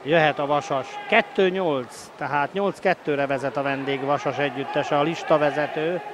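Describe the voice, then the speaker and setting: A man giving excited, openly partisan live play-by-play sports commentary as he roots for his team. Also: on the high side. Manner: excited, breaking into shouted goal calls. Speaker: sports commentator of a water polo match. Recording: noisy live sports venue ambience.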